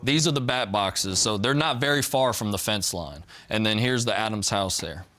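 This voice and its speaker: A man's voice: on the low side, normal speed, fairly bright tone. A man giving earnest testimony as a plaintiff in a TV court.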